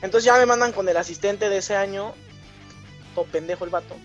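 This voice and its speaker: A man's voice: sits high, fairly quick, highs cut off, over music. A young man with a Mexican accent telling a crude story in casual podcast chat, slangy and acting out the voices of people in it. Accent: Mexican Spanish. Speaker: podcast co-host.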